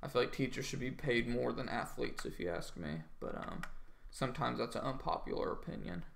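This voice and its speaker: This groggy young man talks fairly quickly in a mid-range, sing-song voice with vocal fry and a fairly bright tone. Hanging out with his trading livestream viewers, he wanders off track and fills nearly every pause with "like" or "um."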